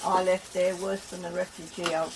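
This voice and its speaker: A woman's voice: fairly low pitch, flat delivery, moderate pace. An older woman at a community farm, chatting in a plain-spoken, opinionated way. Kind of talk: casual chat. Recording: noisy outdoor recording.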